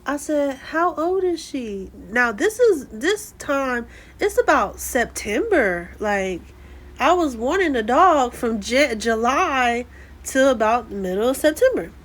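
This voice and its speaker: A woman's voice: high-pitched, takes it slowly. A woman vlogger telling a personal story in a chatty way, acting out what people said. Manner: animated, acts out quoted dialogue; chatty with frequent fillers and restarts.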